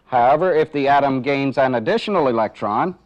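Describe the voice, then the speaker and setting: A male training film instructor gives methodical, step-by-step narration alongside a live demonstration, posing rhetorical questions along the way. His medium-pitched voice is animated and brisk, and the 1980s audio sounds dull and band-limited.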